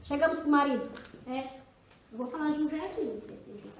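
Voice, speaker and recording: In a church hall, a Brazilian pastor runs a women's seminar with playful chatter, frequently throwing questions at the audience. She speaks quickly in a high voice, and the distant mic catches hall echo plus a faint hiss or hum.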